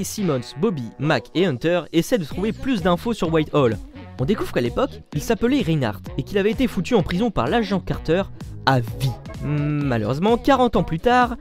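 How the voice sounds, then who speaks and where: Animated jokey recap guy. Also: on the high side. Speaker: comedy recap host. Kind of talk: fast comic recap narration.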